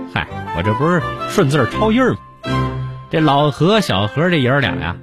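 Jovial radio host. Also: male voice, a little high. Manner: jovial, chatty. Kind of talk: radio presenting with rhymed intro. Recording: music playing behind.

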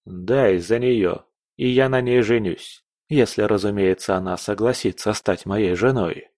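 An earnest young nobleman, as a man puts him on, low-pitched and firm. He speaks with stubborn conviction in a storybook reading. The sound is close and dry. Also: measured pace, darkish tone, no echo, natural voice.

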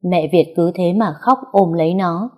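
Low, mellow woman narrating a story. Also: normal speed. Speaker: audiobook narrator.

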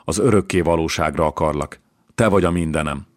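Brief: male reader doing an ardent young lover, hushed pleading, deep voice, dry close sound. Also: no echo. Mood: tender whisper. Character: young Venetian man, ardent secret lover.

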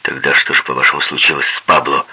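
A man's voice: rumbling low, little pitch movement, fast, husky, highs cut off. A man voicing a grave doctor who insists on what he has seen, in an audiobook. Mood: insistent. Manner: insistent, lecturing.

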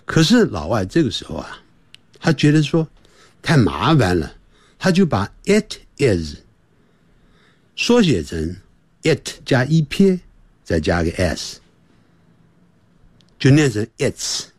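A man teaches English over the radio in an unhurried, husky voice whose pitch swings widely. He repeats short phrases again and again, slowing right down to show each sound. The recording is dry and close. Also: wildly swooping pitch, no echo. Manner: drills phrases by repetition, slows right down to model sounds.

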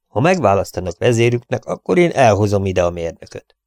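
A man's voice: fairly low pitch, big pitch swings, a little mellow, dry recording. A man voicing a young outlaw who speaks curtly and coolly. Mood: calm. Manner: curt, terse.

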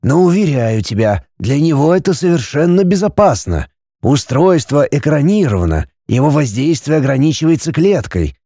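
A driven, stubborn storybook scientist and husband, as a male reader plays him, calm and reassuring as he talks. The voice is mellow and lively in pitch, recorded close and dry. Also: moderate pace, no echo. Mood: persuasive, reassuring. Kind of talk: audiobook character reading.

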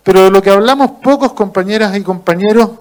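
A man from Chile with a Chilean accent giving an impassioned political speech, with rhetorical lists and frequent "eh" pauses. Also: sits high, rough recording. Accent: Chilean Spanish. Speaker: political speaker.

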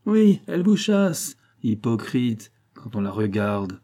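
A man's voice: medium pitch, animated, moderate pace, pitched above the performer's own voice, natural voice. A man voicing an old spinster aunt, pious and suspicious, who scolds and accuses her nephew in a storybook reading. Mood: furious. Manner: sharp, accusing, sermonizing.

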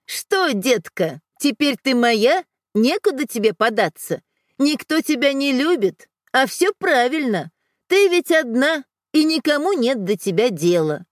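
A woman's voice: high voice, big pitch swings, no room sound, studio quality, voice pushed up. A woman voicing taunting spirit of loneliness. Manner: mocking, slow taunts. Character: creeping spiteful loneliness, a cold taunting presence.

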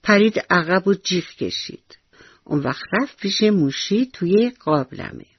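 A woman's voice: lowish voice, animated, breathy edge, dry recording. A woman storyteller telling a radio bedtime story to children in a tender, coaxing way. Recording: dull lo-fi radio recording.

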